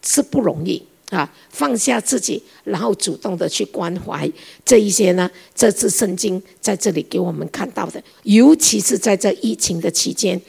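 A middle-aged woman giving a sermon, telling a family story in an animated way and acting out the dialogue. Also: medium pitch, moderate pace, creaky, breathy edge. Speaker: preacher.

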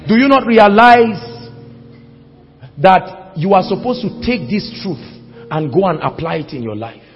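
A man preaching a sermon with a Nigerian accent, shouting exhortations and firing rhetorical questions at the congregation. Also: sits high, expressive, unhurried, in a large hall, muffled recording, faint music behind. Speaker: pastor.

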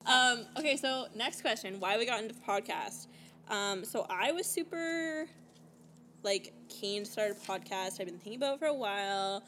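A woman's voice: mid-range voice, animated, moderate pace, fairly bright tone, a little hiss or hum. A woman of twenty-two from British Columbia, hosting a podcast in casual, chatty talk full of "like" and casual swearing, recorded outdoors. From British Columbia, Canada. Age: 20s. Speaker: podcast host. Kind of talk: casual chat.

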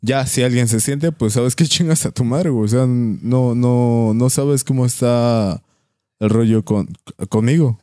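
A man's voice: medium pitch, measured pace, mellow, no echo, clean studio sound. A young man with a Mexican accent chatting casually, rambling and joking in slang. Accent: Mexican Spanish. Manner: rambling, slangy and jokey, with many restarts. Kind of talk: casual chat.

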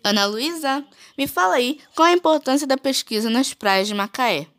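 A woman's voice: high-pitched, lively intonation, moderate pace, a bit bright. A woman presents a school geography podcast, reading her script in short phrases. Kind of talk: read-aloud school presentation.

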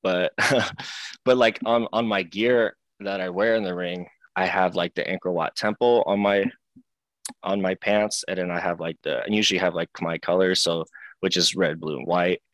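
A young man from Seattle talks in a very low voice, relaxed and chatty, tripping over little fillers and restarts as he answers interview questions. The sound is dry and close, with no room around it. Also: moderate pace, dry recording. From Seattle, United States. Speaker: professional wrestler, guest. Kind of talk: casual interview talk.

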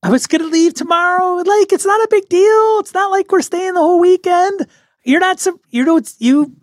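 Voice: mid-range voice, lively intonation, normal speed, darkish tone, no echo, studio quality. A game master voicing an eager woman who stammers as she pleads with her partner on the phone during a tabletop game. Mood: pleading. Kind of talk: in-character tabletop role-play.

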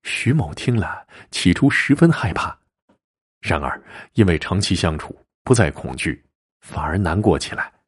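A man with a husky voice narrating a classic folk tale, softly voicing the characters' dialogue as he goes. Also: very animated, measured pace. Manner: voices the dialogue with shifting pitch and softness. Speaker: storyteller.

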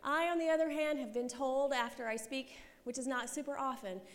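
An American woman in her forties, a pastor's wife and conference speaker, gives a chatty, self-deprecating sermon to a live audience, often checking in with "right?" and "okay?". Her high voice holds a steady tone at a fairly quick pace. The reverberant hall adds faint room noise.

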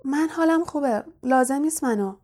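A woman's voice: high-pitched, a little mellow, voice pushed up, lightly acted. A woman voicing a proud, embarrassed teenage schoolboy who insists he is fine in an audiobook. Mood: defensive. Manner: insistent, defensive.

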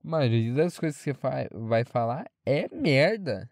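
Um jovem brasileiro falando sozinho de forma casual, franca e cheia de palavrões, divagando sobre a faculdade. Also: male voice, mid-range voice, very animated, a little slow, creaky, a little mellow, dry recording, clean studio sound. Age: young adult. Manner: frank, rambling, swears freely. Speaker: podcast host. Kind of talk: casual solo monologue.

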